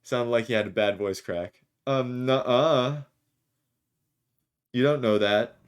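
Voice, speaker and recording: A man's voice: mid-range voice, takes it slowly, clean tone. A man streaming a video game, chatting jokily and reading the dialogue aloud. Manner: jokey, rambling, reads lines with small voices.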